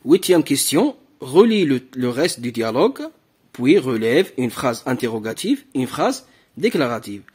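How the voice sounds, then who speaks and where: A man's voice: mid-range voice, very animated, unhurried, darkish tone, breathy edge. A man teaching a French grammar lesson to primary pupils, patiently repeating key words and asking questions.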